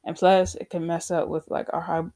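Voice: mid-range voice, flat delivery, a little fast, dark tone, no echo, clean studio sound. A podcast host telling a personal story as a profane rant, sarcastic and blunt, acting out past conversations and speaking straight to listeners. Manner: sarcastic, addresses listeners directly.

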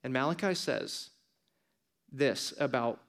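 A man preaching a sermon with urgent, impassioned exhortation, swinging between raised and softened delivery. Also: mid-range voice, animated, slow pace, gravelly. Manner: impassioned, urgent exhortation rising and falling in force.

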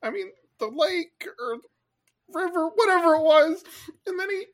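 A woman's voice: very high voice, expressive, normal speed. A woman voicing an anxious male cat who tells a story in a rambling, teary way.

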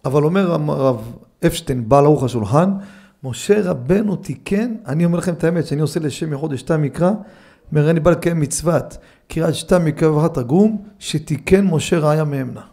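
A middle-aged man, a rabbi, giving a Torah lesson in a study hall, mixing teaching with animated, humorous anecdotes. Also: on the high side, vocal fry. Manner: animated storyteller, acts out scenes with humor.

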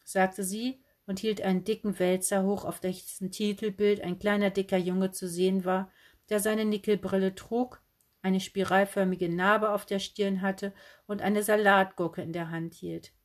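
A woman narrating a children's story in a lively storytelling manner. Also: medium pitch, a little slow. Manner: lively storytelling, plays several voices. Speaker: audiobook narrator.

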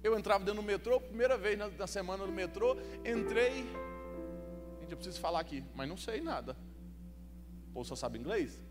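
A man's voice: high voice, animated, brisk. A young man preaching a sermon with a Brazilian Portuguese accent, telling stories with humor and rising to emphatic calls. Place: church hall. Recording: echoey church hall, faint music.

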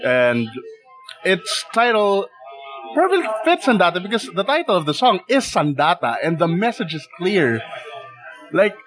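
An excitable man co-hosting a casual chat, hyping things up and laughing. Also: high voice, normal speed, over music, low-quality recording. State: talking with his mouth full. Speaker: podcast co-host. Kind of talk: casual chat about wrestling picks.

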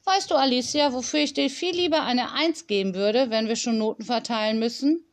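A playful, kind storybook teacher, as a woman reader puts her on, with a high, sing-song voice full of cheer. She talks with gentle enthusiasm, as if everything at school is a small wonder. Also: a little fast, natural voice. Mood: gentle, persuasive.

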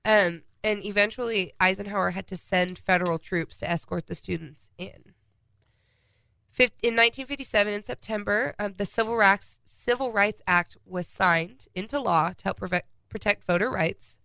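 A stuffed-up woman co-hosts a casual podcast, running through a list of dates and events. Her voice is bright with a gravelly edge. It is recorded close and dry. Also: medium pitch, normal speed, no echo. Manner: reads out a history timeline of dates. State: congested. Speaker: podcast co-host.

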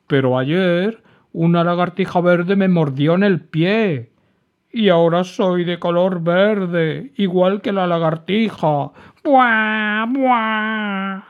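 A man's voice: high-pitched, slow, pitched above the performer's own voice. A man doing a big sobbing dragon. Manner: wailing, sobbing, whiny. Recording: dull lo-fi recording.

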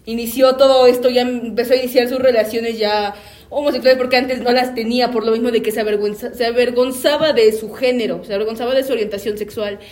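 A woman tells a personal story in an earnest, reflective way. Her voice sits slightly high, and she repeats words to stress a point. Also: steady tone, quick pace, darkish tone.

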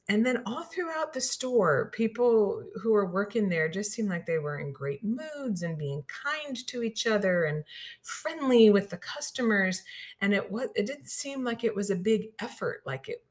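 A woman's voice: medium pitch, animated, a little slow. A middle-aged woman from Southeast Missouri telling personal stories casually on the radio, with lots of ums and you-knows and the odd laugh. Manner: chatty, frequent ums and you-knows, laughs through lines. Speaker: radio show regular sharing stories.

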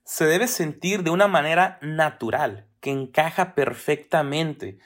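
A man's voice: a little high, unhurried, fairly bright tone. A young man giving a motivational talk, speaking directly to the listener and checking in with frequent rhetorical questions.

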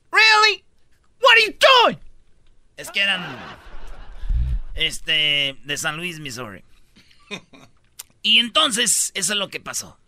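A man hosts a comedy radio show with a high, very bright voice. He spins news stories in rapid slang and jumps into the voices of the people he quotes. The studio sound is completely dry. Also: creaky, no room sound. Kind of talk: comic radio banter.

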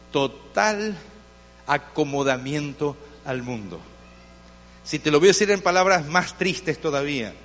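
A man's voice: on the high side, a bit bright, slight background noise. A male pastor preaching a sermon with passion, asking his listeners rhetorical questions. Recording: dull lo-fi sound with long hall reverb.

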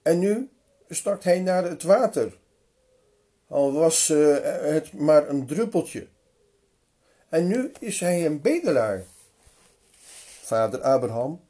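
A man retelling a Bible story slowly and expressively, with occasional hesitations. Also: fairly high pitch, husky. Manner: slow, expressive narration with hesitations.

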